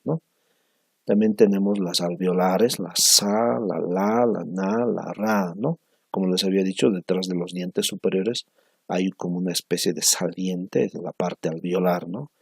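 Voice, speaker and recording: A man teaching a language lesson on speech sounds, talking in a slow, measured way and repeating syllables for pronunciation, often tagging phrases with a questioning "no?". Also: sits low, a little mellow, slightly rough, no room sound. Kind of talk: recorded lecture on phonetics.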